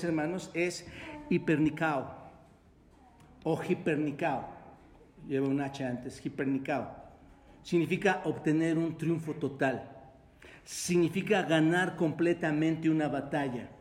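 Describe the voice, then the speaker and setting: A male pastor with a Mexican Spanish accent preaching a sermon, often asking the congregation questions for them to answer. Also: a little high. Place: church hall. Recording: echoey church hall with long reverb.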